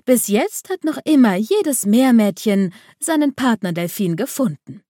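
A kind mermaid teacher explains patiently and reassures her pupils, as a woman reading the storybook puts her on. The voice is mellow and soft-edged. The recording is dry and close. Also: fairly high pitch, big pitch swings, a little slow, no echo. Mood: reassuring.

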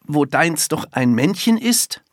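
A reader doing a young schoolboy in a children's story, patient yet exasperated, pleading with urgency. His voice sits a little higher than the narration and shifts a lot. The sound is dry and close. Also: big pitch swings, slow, dry recording, full character voice. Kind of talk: storybook reading.

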